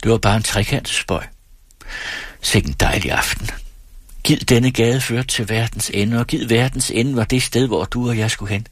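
A man voicing a teasing, restless young married woman in a read-aloud story, in a lightly mocking, quick manner. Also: mid-range voice, no room sound, voice pushed up, natural voice.

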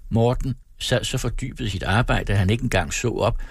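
A man narrating an audiobook in a measured, descriptive reading. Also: lowish voice, creaky, husky, no room sound.

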